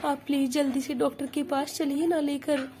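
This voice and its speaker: A woman narrates a doll play story as a busy mother doll. Her voice is very high, motherly and hurried, with a faint hiss of background noise. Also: level tone, dark tone.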